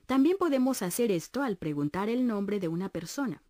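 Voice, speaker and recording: A woman's voice: medium pitch, lively intonation, fairly quick, dark tone, dry recording, studio quality. Patient woman teaching language on radio. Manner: clear, patient and encouraging, explaining step by step. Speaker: Japanese language instructor on a radio course. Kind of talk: scripted educational narration.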